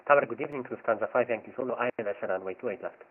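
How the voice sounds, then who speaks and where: A man, an airline pilot, giving brisk readbacks heard over an aircraft radio. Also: mid-range voice, slightly rough. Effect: pilot heard over a tinny aircraft radio. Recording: tinny distant radio transmission.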